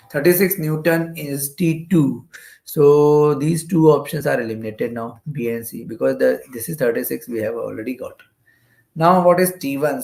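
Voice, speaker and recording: A gravelly Indian-accented man teaches physics in a roomy, echoing space, explaining exam-prep problems step by step. His voice is mid-range and a little mellow, and he repeats phrases and checks in with "okay."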